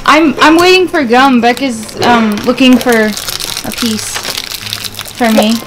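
A woman's voice: on the high side, takes it slowly, over music, poor audio. A woman filming her family at home, chatting casually and teasing playfully, often laughing. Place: outdoor patio at home.

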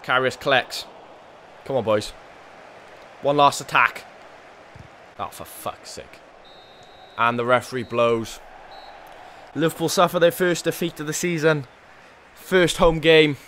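A man giving excitable commentary on a football video game, groaning and swearing at misses. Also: medium pitch, a little hiss or hum. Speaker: gaming YouTuber.

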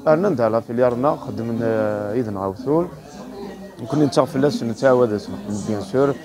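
A man in his thirties from a farm cooperative explains his work quickly in casual talk, mixing in French, at an outdoor fair stand on a lapel mic. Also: mid-range voice. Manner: quick, mixes French into speech. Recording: crowd noise behind.

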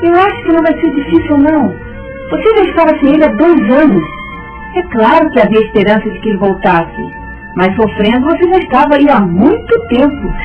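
High-voiced blunt Brazilian woman, old radio show. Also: lively intonation, brisk. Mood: blunt consoling. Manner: frank, emphatic. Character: Tereza, blunt, practical female friend of a widow. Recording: dull old radio recording, music behind.

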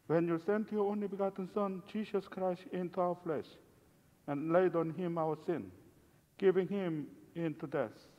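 A man leading a liturgical prayer as a pastor, intoning in a measured, solemn way, his voice ringing with a long cathedral-like echo. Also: high-pitched. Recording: dull muffled church recording with long reverb.

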